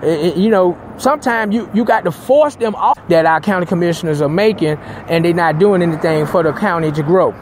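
A middle-aged Southern pastor with a fairly high voice hosts his radio talk show, rambling loosely from one thought to the next and dropping in amens. Faint noise sits under the recording. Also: fairly quick, hardly any pauses. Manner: loose, rambling, with many restarts and church interjections. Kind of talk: casual talk radio monologue.

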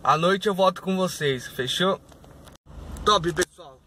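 A young man who drives rideshare vlogs casually to camera from his car, day and night, speaking slowly in a high, pushed, bright voice as he upbeatly checks in with viewers. A phone camera on the dashboard records him, with faint car and road noise behind.

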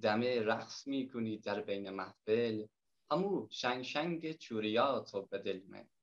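A man's voice: on the low side, muffled recording. A man with a Herati accent, a poet and reciter, reading a love poem in the Herati dialect at a round table held over an online call.

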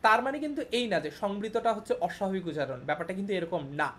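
A woman's voice: mid-range voice, lively intonation, rapid-fire, a little hiss or hum. A young woman teaching an online class, patiently repeating each point and checking that her students follow.

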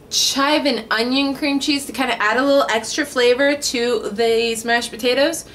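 A woman's voice: sits high, a bit bright, a little hiss or hum. A young woman hosting a casual cooking vlog from her home kitchen, chatty and full of puns, talking straight to the camera. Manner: jokey, punny, chatty.

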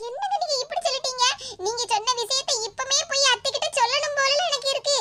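A woman voicing a loud, cheeky young wife in an animated cartoon, speaking with a Kanyakumari Tamil accent in a playful manner. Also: very high-pitched, fast, very noisy.

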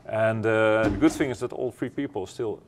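There's noisy background sound as a middle-aged company executive guides a factory tour through a warehouse and then a glass-walled office. He's from the Netherlands, a native Dutch speaker with a Dutch accent, and his voice is on the low side at a moderate pace. He stumbles through answers with many fillers and restarts.

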